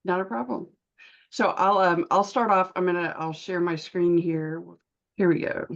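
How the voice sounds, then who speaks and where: A middle-aged woman physician gives a webinar presentation, captured as screen-recorded video call audio with lo-fi sound. Her lowish, gravelly voice holds a steady tone, but her speech is halting, full of filler sounds and restarts.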